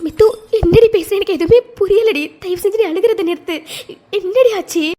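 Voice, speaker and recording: A woman voicing a worried young friend, very high. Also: a little fast, mellow. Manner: pressing, worried questioning. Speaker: cartoon character. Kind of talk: Tamil cartoon voice acting.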